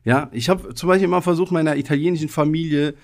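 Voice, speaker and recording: A man's voice: fairly high pitch, steady tone, fast. A man in his thirties who grew up in Germany, hosting his own podcast in a casual, reflective monologue with loose wording and many hedging fillers. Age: 30s. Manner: thoughtful, personal, loose with frequent hedging fillers. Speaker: podcast host.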